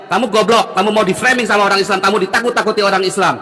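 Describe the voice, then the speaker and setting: A man's voice: sits high, steady tone, very fast, long reverb tail. A man in his late forties preaching on a live stream, arguing heatedly and hurling insults at a caller. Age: 40s. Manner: shouting, insulting, domineering.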